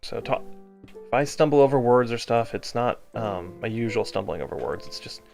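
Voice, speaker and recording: An exhausted man giving casual gameplay commentary, halting as he thinks aloud to himself. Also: medium pitch, animated, creaky, darkish tone, soft background music. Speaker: gaming video host.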